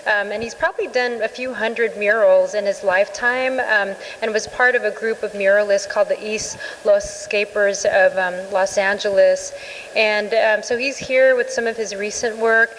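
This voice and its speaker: A woman's voice: medium pitch, steady tone, moderate pace, fairly bright tone, slight background noise. Woman introducing the artists, lots of ums, long hall echo. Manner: informal, many fillers. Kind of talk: introductions at an art show.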